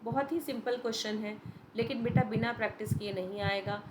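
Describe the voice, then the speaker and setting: A woman's voice: fairly high pitch, fairly quick, very noisy. A woman teacher giving a patient, step-by-step revision lesson to young students, mixing Hindi and English. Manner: patient, explains step by step, addresses students as beta.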